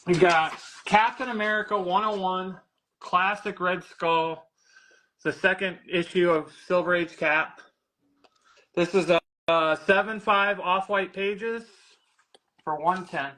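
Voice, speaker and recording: A rough recording captures a man's high, bright, forceful voice, steady in tone and slow in pace. He's hosting a live comic book sale, chatting casually, laughing a lot, and quoting grades and prices without fuss.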